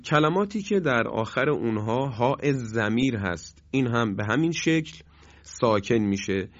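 A man gives a recitation lesson. He explains in a steady, middle-pitched voice and lingers over each example word, drawing it out. The recording is dry and somewhat muffled. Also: no room sound. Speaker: Quran recitation teacher. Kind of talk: recorded lesson on pausing rules in Quran reading.

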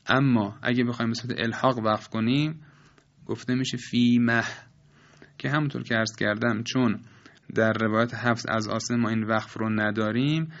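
A man teaching Quran recitation rules in a recorded lesson, explaining in a measured, patient way with polite formal phrasing. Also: mid-range voice, fairly even intonation, a bit bright, muffled recording.

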